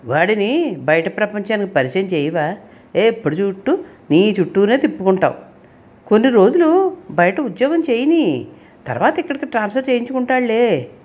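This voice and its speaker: A woman's voice: mid-range voice, very animated, moderate pace, long pauses, a little mellow. A woman voicing a worried middle-aged father who scolds his son's friends in a raised voice. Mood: coaxing.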